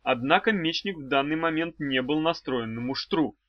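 A man's voice: fairly high pitch, moderate pace, no room sound. Man narrating an audiobook, dull sound. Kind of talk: scripted narration.

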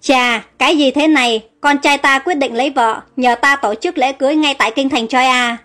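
A woman's voice: sits high, normal speed, a bit bright, faint music behind. A woman doing a jovial old king. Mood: delighted. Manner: exclaiming, pleased. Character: older male king, jovial and proud.

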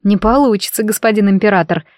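A woman narrating a first-person fantasy audiobook in a wry, lively storytelling manner, close to the mic. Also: mid-range voice, quick pace, no echo.

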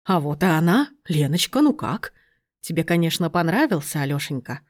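Woman doing a bossy, shrill middle-aged aunt. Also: big pitch swings, moderate pace. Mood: indignant. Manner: indignant, shrill outbursts.

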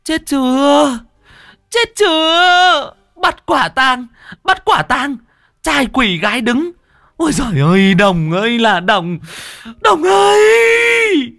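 A woman's voice: very animated, a little slow, a bit bright, no room sound, studio quality. A woman playing a wailing, jealous village wife. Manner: wailing, shrill scolding.

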